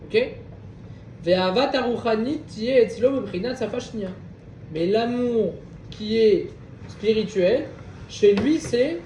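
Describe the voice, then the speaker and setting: With a high, slightly mellow voice, a man teaching Torah reads a Hebrew passage, then explains it in French, continually asking his group whether they're following. He stands well off the mic in an echoey room over a faint hum.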